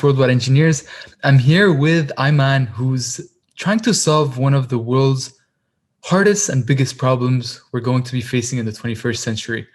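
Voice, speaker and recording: A man hosting an engineering podcast, welcoming his guest and asking long, eager questions. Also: mid-range voice. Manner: enthusiastic, wordy questions. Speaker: podcast host. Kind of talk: podcast interviewing.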